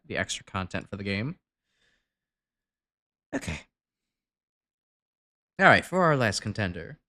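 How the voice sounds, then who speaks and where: Over background game music, a congested streamer with a lowish, somewhat bright voice chats casually about his gameplay. His talk wanders, full of fillers, restarts, and self-corrections.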